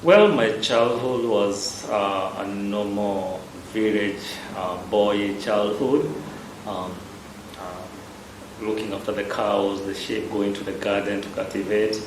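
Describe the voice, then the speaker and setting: A man from Kenya with a Kenyan accent, a parish priest answering interview questions in a measured, hesitant way. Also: on the low side, steady tone, noisy background. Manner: measured, unhurried, with frequent hesitations. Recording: roomy echo with loud background ambience.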